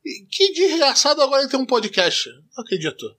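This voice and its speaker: A Brazilian man with a rather high voice that has a smoky, smoker's tone. He talks like a podcast co-host among friends, loose and animated, full of slang and swearing. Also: fast.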